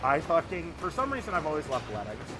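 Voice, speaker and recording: A man hosting a game stream, chatting casually with a friend in an animated, profane way and acting out quotes. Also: fairly high pitch, fast talker, soft background music. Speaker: streamer host. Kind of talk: casual chat while gaming.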